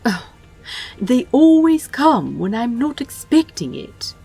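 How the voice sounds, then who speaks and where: A woman's voice: a little high, sing-song, slow pace, vocal fry, warm tone, breathy edge, soft background music, heavily acted. A woman voicing a prim, polite male angel in a fan audio drama, earnest and genteel with a touch of indignation.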